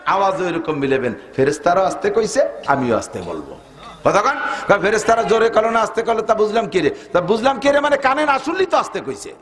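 A man preaching a humorous sermon, swinging his voice up and down and asking the crowd questions. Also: echoey room. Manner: animated and humorous, with pitch leaps and rhetorical questions.

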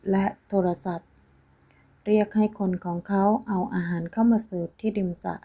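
A woman reads a romance story aloud in a slow, steady storytelling manner. Her voice is mellow and soft-edged, at a middle pitch. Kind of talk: scripted story narration.

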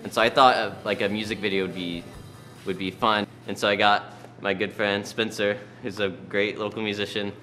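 Teen boy, low voice, casual interview, classroom, faint music. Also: moderate pace. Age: teens. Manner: relaxed, chatty, many fillers. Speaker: student filmmaker. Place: school classroom.

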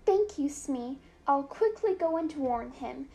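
A woman voicing a small, brave female fairy who speaks brightly and eagerly. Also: high voice, lively intonation, slow, creaky, heavily acted.

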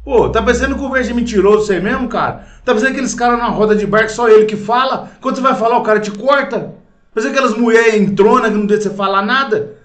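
Indignant high-voiced Brazilian man ranting. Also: a bit bright, roomy sound. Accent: Brazilian Portuguese. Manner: indignant, profane, keeps saying "cara"; slow and repetitive, with restarts. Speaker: political video commentator. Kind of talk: angry rant to camera.

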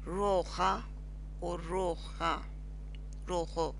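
A woman with as her teaching a beginners' lesson, halting and repeating words slowly. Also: fairly low pitch, fairly even intonation, vocal fry, slight background noise. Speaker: language teacher. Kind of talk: slow screen-recorded lesson.

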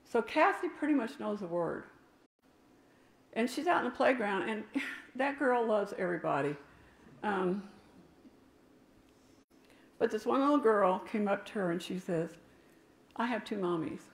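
A woman's voice: medium pitch, lively intonation, a little slow, gravelly, pauses often. An older woman preaching a sermon in a church, emphatic and talking with her hands, with asides to the congregation. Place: church sanctuary. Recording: echoey church room.

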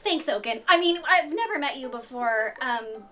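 A woman's voice: high voice, expressive, moderate pace, pushed and bright, faint music behind. A woman playing a bubbly, clumsy young princess stuck in her sister's body, hesitant and slipping up in a live-action play-acting skit. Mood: eager.

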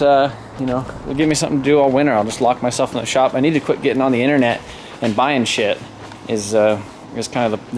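A car vlogger in his thirties films himself with a handheld camera held at arm's length, walking around cars at an outdoor salvage lot and later in a garage shop. His medium-pitched voice rambles casually with lots of ums and restarts, and a little hiss or hum is audible.

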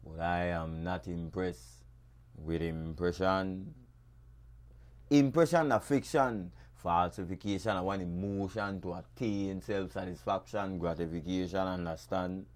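A man with a Belizean accent reciting dub poetry in a rhythmic, rhyming delivery with sharp swings in loudness. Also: low-pitched, steady tone, unhurried. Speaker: dub poet.

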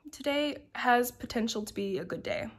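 A woman's voice: on the high side, animated, moderate pace, husky. A young woman chatting to camera from her bedroom at home, meandering and filling her talk with ums and likes. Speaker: vlogger. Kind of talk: casual chat to camera.

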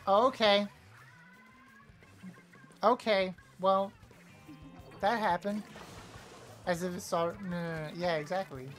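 Woman streamer, low-ish voice, playful trash talk, sudden excited yells, faint music behind. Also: unhurried, long pauses. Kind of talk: live gameplay commentary.

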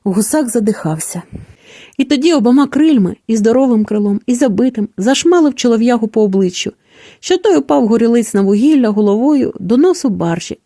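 A woman narrating a children's story in a calm, measured storytelling manner. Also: a little high, no echo, studio quality. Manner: calm, measured storytelling with falling phrase endings.

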